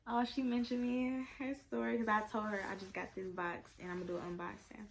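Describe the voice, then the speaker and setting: A young woman, gushing excitedly through a casual unboxing vlog. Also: medium pitch, fast, gravelly, slight background noise. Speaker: vlogger. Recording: music playing behind.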